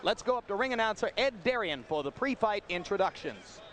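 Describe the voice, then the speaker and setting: High-voiced male boxing broadcast host. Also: sing-song, a little fast, noisy background. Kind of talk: live sports broadcast commentary. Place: ringside in a large arena.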